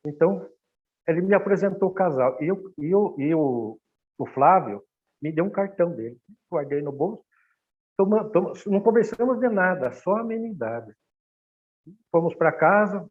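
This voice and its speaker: A middle-aged man with a Brazilian accent, a guest giving a personal testimony, telling it animatedly and acting out the quoted dialogue. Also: on the high side. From Brazil, São Paulo state. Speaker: guest speaker. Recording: narrow phone-like sound.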